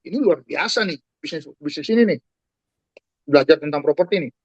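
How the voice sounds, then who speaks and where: A man in his forties giving an animated talk on a video call, speaking straight to his listeners like a preacher. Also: a little high, fairly quick, dry recording, muffled recording. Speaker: guest speaker. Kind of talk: talk to an online audience.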